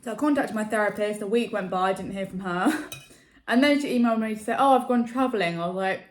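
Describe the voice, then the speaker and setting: A woman's voice: mid-range voice, quick pace. A young adult woman chats casually to camera, rambling and full of fillers. Her mid-range voice rings off an echoey room. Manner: chatty, rambling, many fillers. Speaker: vlogger.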